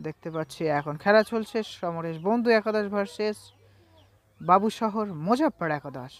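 High-pitched male football commentator. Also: expressive, moderate pace. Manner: repetitive linking phrases, announcer-like delivery. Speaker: football commentator and channel host. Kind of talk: Bengali football commentary, live play-by-play.

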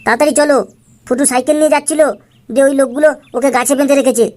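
A woman's voice: high voice, steady tone, rapid-fire, darkish tone, natural voice. A woman voicing a little cartoon boy who urgently calls for help and brings news. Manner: urgent, pleading.

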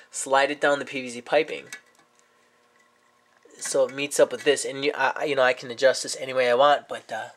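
An aquarium hobbyist with a cold shows off his setup in a casual home vlog, recorded indoors. His mid-range voice has a fairly bright tone, and a faint hiss or hum sits under it. He's hesitant, full of ums and restarts.

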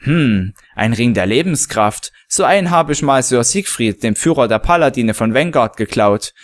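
A man's voice: mid-range voice, expressive, normal speed, lightly acted. A man reading aloud and voicing a bold, curious young female thief in a storybook reading.

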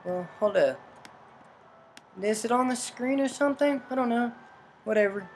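A man's voice: extremely high pitch, normal speed, a little hiss or hum. A man making wry, offhand asides while reading a game aloud at a desk mic. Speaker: gamer. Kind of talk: let's play commentary.

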